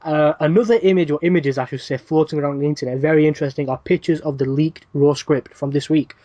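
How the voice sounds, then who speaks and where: A man's voice: on the high side, steady tone, quick pace, mellow, no echo, lo-fi sound. A man hosting a wrestling podcast, reading news items in a casual rundown with dry asides and plenty of "uh" fillers.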